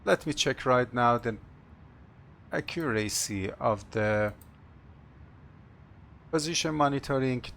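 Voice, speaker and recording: A man who is a non-native English speaker, working as an airline captain, talking through cockpit procedures and announcements in short, halting, procedural phrases. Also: mid-range voice, gravelly, fairly bright tone, slight background noise. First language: not English. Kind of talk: cockpit procedure narration, checklist callouts and announcements.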